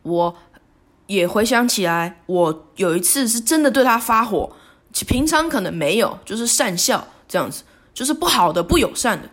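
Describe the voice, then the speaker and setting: A woman hosting a solo podcast, talking in a halting, remorseful way with many restarts. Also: mid-range voice, animated. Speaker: podcast host. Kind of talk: reflective solo podcast monologue.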